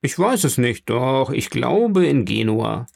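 A man reading as a guarded, gravelly sailor. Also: medium pitch, big pitch swings, slow, darkish tone, no echo, clean studio sound, exaggerated voice. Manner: respectful, addresses his listener formally. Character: adult male sailor, guarded and evasive.

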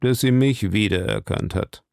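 An icy executioner speaks slowly and without feeling, as a man puts him on. His low, gravelly voice stays close and dry, like a storybook reading. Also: a little mellow, no echo. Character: cold, mysterious executioner, icy and unmoved.

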